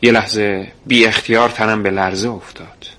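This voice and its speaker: A man narrating a story in a measured, suspenseful way. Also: on the low side, fairly even intonation, bright, forceful tone.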